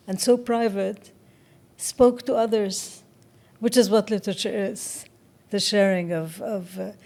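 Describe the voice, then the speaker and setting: A writer of around seventy, originally from Egypt, shares her story as a guest in a reflective interview. Her soft, mellow voice sits in an ordinary middle range, and she speaks slowly and thoughtfully, often pausing to find the right words.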